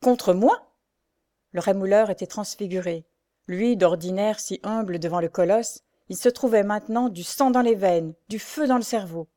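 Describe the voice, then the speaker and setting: Expressive woman reading a novel. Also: medium pitch, normal speed. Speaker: audiobook narrator.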